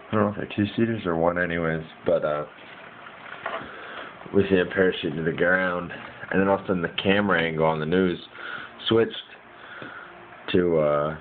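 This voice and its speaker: A man casually rambles through a dream he had, piecing it together in a hazy, puzzled way with informal, slangy wording. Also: low voice. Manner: informal slangy speech with mild swearing. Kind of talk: casual rambling first-person dream recounting. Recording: muffled lo-fi mic with hiss.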